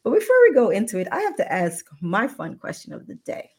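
Woman host, bubbly and effusive, quick laughs, mid-pitched voice, casual live-stream interview. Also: wildly swooping pitch, a little mellow, slight background noise. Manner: upbeat and effusive, laughs often.

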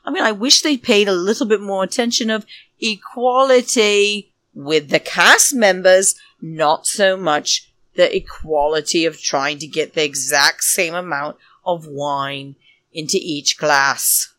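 A woman's voice: low voice, a bit bright, no room sound. A woman hosting a solo podcast, giving a sarcastic, catty, ranting recap. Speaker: podcast host.

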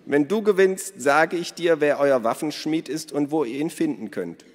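A brash, sly middle-aged woman who cackles and teases her way through every sentence, as a male storyteller puts her on. Her voice sits well above his own low register and comes out loud. A long hall reverb trails behind it. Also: moderate pace, lightly acted. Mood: boisterous.

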